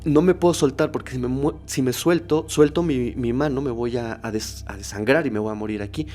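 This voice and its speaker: A man's voice: medium pitch, a little fast, warm tone, lightly acted. A desperate wounded burglar pleads and confesses in a frantic, begging voice, as a man acts him out. He sounds cornered and afraid, a figure inside a spoken horror story. Faint music plays behind. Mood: pleading.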